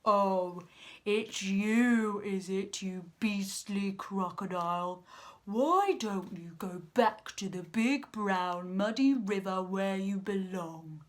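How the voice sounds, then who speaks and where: A woman voicing a big, indignant elephant in a children's story, scolding with loud, drawn-out emphasis. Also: mid-range voice, natural voice. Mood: outraged.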